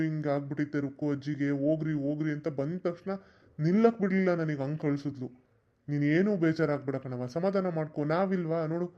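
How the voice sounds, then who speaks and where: A man's voice: a little high, lo-fi sound, close to an everyday voice. Man voicing a kindly big-brother village neighbour. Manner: warm-hearted, encouraging.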